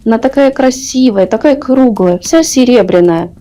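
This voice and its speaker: A woman's voice: fairly high pitch, animated, moderate pace, mellow, lightly acted. A woman voicing a wistful, innocent little princess in a bedtime storybook reading. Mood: dreamy.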